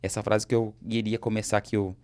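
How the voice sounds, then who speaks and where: A man's voice: on the low side, fast talker. A Brazilian man hosting a talk show, speaking energetically about entrepreneurship and acting out little scenes as he goes. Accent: Brazilian Portuguese. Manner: energetic, gesturing, acts out quoted dialogue. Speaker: host.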